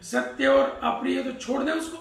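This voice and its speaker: A man's voice: very high-pitched, fairly even intonation, moderate pace, creaky. A man giving a Hindi religious discourse, reciting Sanskrit verses and explaining them, asking questions and answering them himself. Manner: explanatory, asks and answers his own questions. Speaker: Vedic discourse speaker. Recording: echoey room, distant mic.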